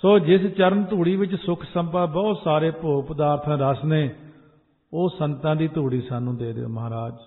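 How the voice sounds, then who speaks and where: A man giving scripture exposition, slowly chanting verses and then explaining them in plain speech. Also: fairly high pitch. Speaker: Sikh preacher. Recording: echoey hall, tinny phone-like sound.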